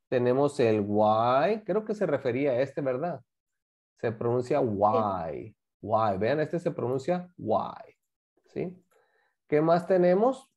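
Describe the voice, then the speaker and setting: A man's voice: medium pitch, dark tone. A man teaching a class, patiently explaining grammar and repeating examples while asking students to join in. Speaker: English teacher.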